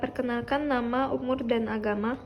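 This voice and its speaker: Young woman interviewer, higher voice. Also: fairly even intonation, moderate pace, dull audio, heavy background noise. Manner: polite, hesitant questions with fillers. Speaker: student interviewer. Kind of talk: student interview project.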